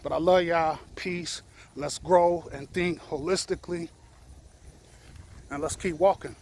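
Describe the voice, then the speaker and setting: A man's voice: fairly high pitch, fairly even intonation, measured pace, darkish tone. A man talking frankly and with some profanity in a casual monologue, slightly out of breath while walking outdoors. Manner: frank, profane, opinionated storytelling. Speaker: vlogger.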